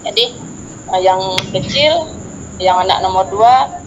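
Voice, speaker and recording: A woman's voice: mid-range voice, animated, unhurried. Middle-aged woman, earnest testimony, dull lo-fi sound with faint hiss. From Aceh, Indonesia. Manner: earnest, addresses the host as Ustaz constantly, many fillers. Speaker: guest telling a personal testimony. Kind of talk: earnest storytelling.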